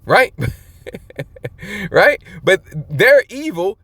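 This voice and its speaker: A man's voice: high-pitched, very animated, very slow, fairly bright tone, no echo. A man preaching a sermon, reading scripture aloud and breaking in with colloquial, emphatic commentary and chuckles.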